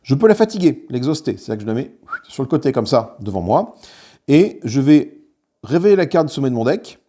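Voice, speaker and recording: A man's voice: mid-range voice, big pitch swings, brisk, mellow. A man hosting a board game channel, talking viewers through a solo playthrough with frequent fillers and restarts. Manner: talks viewers through card rules while handling components.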